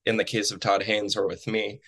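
A man's voice: fairly low pitch, level tone, fairly quick, a bit bright, breathy edge. A man chatting as a podcast guest over a remote call, rambling with lots of fillers and frequent laughs. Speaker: podcast guest, comedian and filmmaker. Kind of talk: casual interview chat. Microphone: remote call recording.

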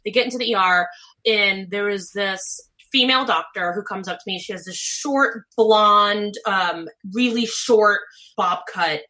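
A young woman with a bright, clear-edged voice tells a personal story in casual conversation. She is chatty and peppers her talk with "like," voicing her own past thoughts aloud. Her pitch sits in a middle range for a woman. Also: measured pace. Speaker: guest telling her birth story.

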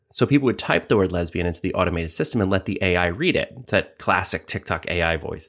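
Male co-host, lowish, very expressive delivery, explanatory talk. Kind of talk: explanatory discussion.

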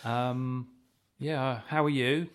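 A man co-hosting a podcast in casual chat, slow and thoughtful with dry replies. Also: medium pitch, steady tone, clear, resonant tone. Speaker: podcast co-host.

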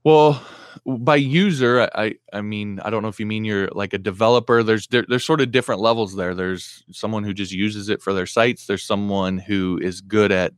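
Man, low voice, dry close sound, casual live stream Q&A, blunt practical answers, lots of fillers. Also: steady tone, normal speed, smooth, no echo. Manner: reads viewer comments aloud and answers plainly, frequent fillers and restarts.

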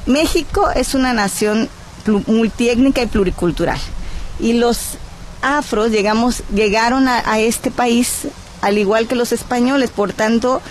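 Unhurried and a little high-pitched, this woman is a cultural advocate from Guerrero with a Mexican accent, interviewed as a radio guest. Her earnest, persuasive argument keeps stopping on hesitant "eh" sounds, and there's slight background noise.

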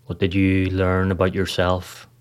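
In short, evenly paced phrases with relaxed pauses between them, a very low-voiced man calmly reads a guided meditation script. He is a podcast host acting as a meditation guide.

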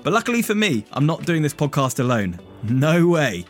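A man's voice: fairly high pitch, sing-song, moderate pace, soft background music. A man hosting a podcast in a casual, chatty style. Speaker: podcast host.

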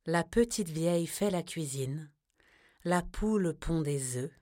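A woman narrating a children's storybook in a gentle, expressive reading. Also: sits low, takes it slowly.

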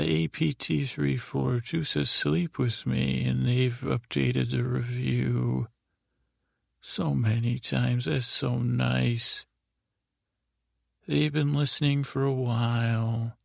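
A man hosting a sleep podcast in the calm, gentle, rambling manner of a bedtime story narrator. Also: mid-range voice, vocal fry, no echo, studio quality. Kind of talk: soothing bedtime sleep-story narration, saying good night to listeners.

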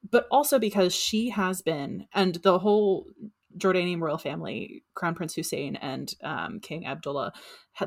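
A woman co-hosting a casual podcast, speaking in a measured, thoughtful way with frequent ums. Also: deep voice, gravelly. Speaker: podcast co-host. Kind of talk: casual chat.

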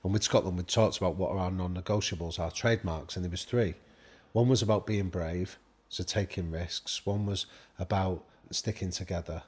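A UK man, a guest expert on high performance, tells anecdotes in casual conversation and acts out the quoted dialogue. His voice sits low and steady at a normal speed, a little mellow with a breathy edge.

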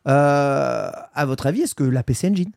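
A man's voice: medium pitch, animated, moderate pace, vocal fry, a little mellow, dry recording, studio quality. A man hosting a casual gaming podcast, chatty and playful, reading out chat polls and listener questions. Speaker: podcast host.

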